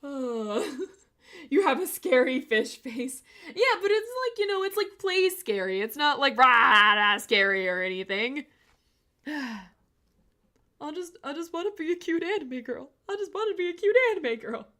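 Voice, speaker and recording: A young woman streamer reading a horror visual novel aloud with a theatrical, animated delivery. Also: extremely high pitch, measured pace.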